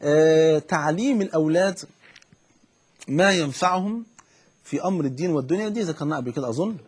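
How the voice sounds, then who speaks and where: A man's voice: fairly high pitch, fast talker, breathy edge. A man with an Egyptian Arabic accent, a preacher giving fervent, fatherly religious advice on a call-in show. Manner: fervent, fatherly, keeps saying "my dear".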